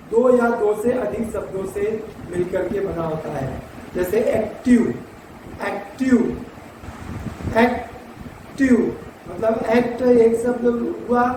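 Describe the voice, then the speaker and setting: A man teaching an English grammar lesson, slowly spelling words out letter by letter. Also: high-pitched, recorded from a distance. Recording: echoey room, faint traffic noise.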